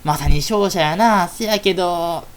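A woman voicing a knowing, gossipy fairy girl who talks in a hushed, roundabout way with a Kansai accent. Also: fairly low pitch, unhurried, voice pushed down, close to an everyday voice. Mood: sly.

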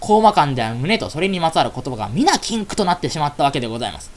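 A woman narrating a comic story in a formal, measured storytelling manner. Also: deep voice, big pitch swings.

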